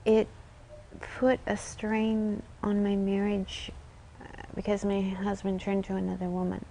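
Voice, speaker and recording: A woman recounting her marriage after loss in a documentary interview, quiet and reflective. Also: medium pitch, completely flat delivery, unhurried, slight background noise, low-quality recording. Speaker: bereaved mother.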